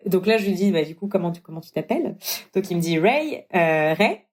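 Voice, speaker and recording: A young adult woman telling a personal story in casual chat, acting out the dialogue with big leaps in pitch. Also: fairly quick. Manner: animated, acts out dialogue with big pitch jumps. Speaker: guest telling her story.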